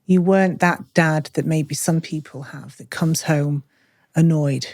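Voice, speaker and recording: A woman co-hosting a podcast, talking candidly in short, measured phrases. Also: low voice, steady tone, darkish tone, no echo, clean studio sound. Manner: frank, reflective, speaks in short measured phrases. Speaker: podcast co-host. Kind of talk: candid personal conversation.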